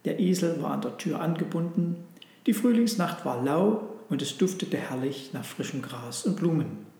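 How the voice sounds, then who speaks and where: A man narrating a storybook read-aloud in a calm, even storytelling manner. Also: fairly high pitch, moderate pace, vocal fry. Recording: roomy echo.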